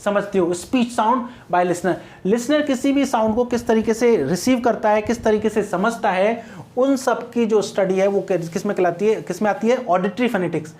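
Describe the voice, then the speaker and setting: A man with an Indian English accent teaches phonetics to exam candidates in a lecture mixing Hindi and English. His voice is high-pitched and a little mellow, at a normal speed with hardly any pauses. He goes step by step, repeats key points, and keeps stopping to ask whether everyone is following.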